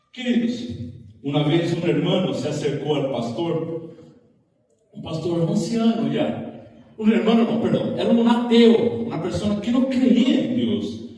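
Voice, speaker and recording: A male preacher giving a passionate, emphatic sermon that swings between quiet and loud, heard in a large echoing hall from far off. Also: sits high.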